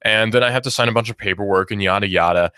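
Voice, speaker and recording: A fast-talking American radio host in his twenties has a lowish voice that sounds pushed, bright, and smooth. His casual monologue rambles through opinions with fillers and restarts, captured in clean studio sound with no room sound.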